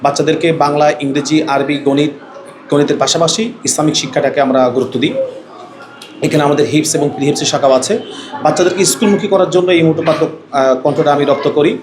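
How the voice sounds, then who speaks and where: A man's voice: fairly high pitch, steady tone, brisk, crowd noise. A man, a head teacher, answering an interview earnestly with frequent hesitations.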